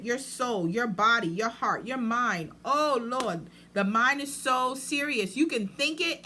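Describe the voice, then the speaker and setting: A woman's voice: on the high side, sharp tone, slight background noise. A woman hosting a faith-based book talk, speaking in emphatic, preacher-like declarations mixed with casual asides. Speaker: book discussion host.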